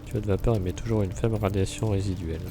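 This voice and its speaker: Male let's play host, lowish voice, reads game text aloud, clear noise behind him. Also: fairly even intonation, fast talker. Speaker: video game player and commentator.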